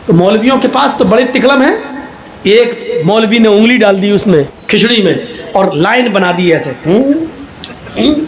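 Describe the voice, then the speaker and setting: A man preaching a sermon, telling humorous stories and acting out the characters, often rising to loud shouts. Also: high voice, reverberant. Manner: animated storyteller who acts out characters and rises to shouts.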